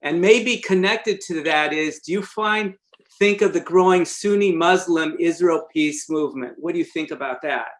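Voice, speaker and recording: A man's voice: a little high, moderate pace, a bit bright. Man hosting a webinar, reading questions. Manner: conversational, reads audience questions. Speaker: webinar host. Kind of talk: webinar interview.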